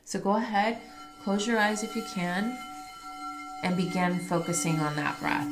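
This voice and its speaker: Loud music and poor audio quality surround this woman's medium-pitched voice as she speaks at a moderate pace. A podcast host and meditation guide with slight congestion from a recent illness, she talks unscripted, guiding breathing and sharing casual personal talk.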